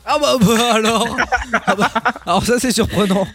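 Chatty high-voiced male radio host. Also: normal speed, fairly bright tone, slightly rough, soft background music. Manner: chatty, repeats himself, playful teasing. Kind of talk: lively radio banter.

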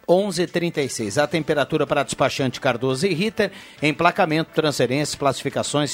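A man with a southern Brazilian accent presents live radio in a fairly high voice. He reads sponsor spots and time checks as an announcer, with music playing behind him.

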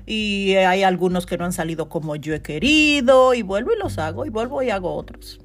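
A woman. She hosts a motivational podcast as a coach and talks in an animated, chatty way, laughing often. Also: mid-range voice, brisk. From Dominican Republic. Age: 40s.

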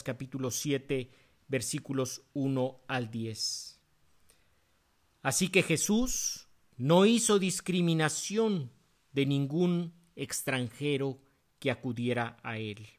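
Slow, deliberate male preacher. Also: on the high side, fairly bright tone. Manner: cites chapter and verse in a quick aside, voice dropping; slow, deliberate delivery with rising emphasis on key phrases. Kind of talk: sermon.

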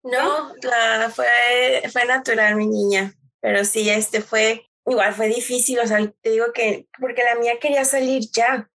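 A woman, a mother co-hosting a podcast, telling her own story in relaxed, chatty conversation. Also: fairly high pitch, a little slow, hardly any pauses, low-quality recording. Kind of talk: casual conversational chat.

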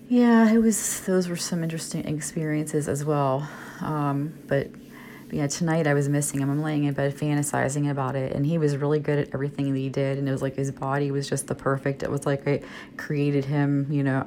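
A woman's voice: darkish tone, slight background noise. A middle-aged woman with a groggy, sleepy voice, talking candidly and confidingly in a rambling, hesitant monologue. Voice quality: low, creaky. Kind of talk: intimate, candid personal monologue. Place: in bed at night, indoors.

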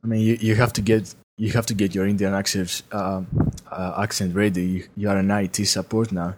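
A man's voice: fairly low pitch, little pitch movement, brisk, darkish tone, a little hiss or hum. A young man from Greece with a Greek accent, chatting casually on a podcast and often repeating words as he starts. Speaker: podcast co-host. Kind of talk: casual chat.

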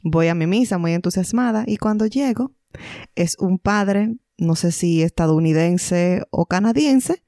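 A woman co-hosting a podcast, telling a story in an animated, exclamatory casual chat. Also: lowish voice, unhurried, no echo, studio quality. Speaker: podcast co-host.

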